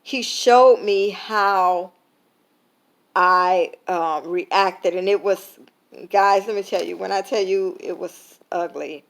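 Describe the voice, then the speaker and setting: A woman's voice: medium pitch, slow, vocal fry. A tired woman talking casually to camera, full of fillers, retelling an everyday story with quoted lines. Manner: conversational, many fillers, retelling with quoted dialogue. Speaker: vlogger sharing a faith lesson. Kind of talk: casual reflective talk to camera.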